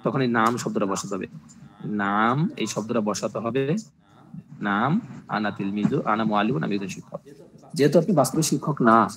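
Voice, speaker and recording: A man teaching a language class, explaining slowly and patiently and repeating each phrase with its translation. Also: fairly low pitch, fairly bright tone. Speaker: Arabic teacher. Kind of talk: online language class in Bengali. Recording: noisy recording with clicks.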